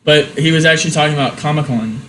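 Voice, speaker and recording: A man's voice: a little high, fast talker, fairly bright tone, slight background noise, rough recording. Rambling man co-hosting a podcast. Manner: rambling, full of restarts and fillers. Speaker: podcast co-host. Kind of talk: casual chat.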